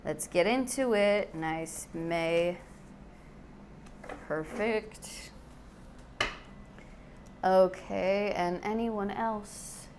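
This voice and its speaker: This tarot reader and channel host has a mid-range, slightly mellow voice and talks extremely slowly, with long pauses. Reading cards casually to camera, she addresses her viewers effusively and affectionately over slight background noise.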